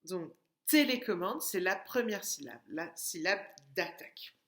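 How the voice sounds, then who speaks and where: A woman's voice: lowish voice, animated, measured pace. A woman teaching a lesson to young children, speaking patiently and stretching out syllables as she taps them. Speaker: preschool teacher. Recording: echoey room.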